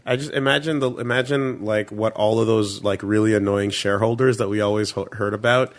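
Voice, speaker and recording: A man's voice: lowish voice, steady tone, brisk. A man in a casual chat, musing and thinking aloud as he talks.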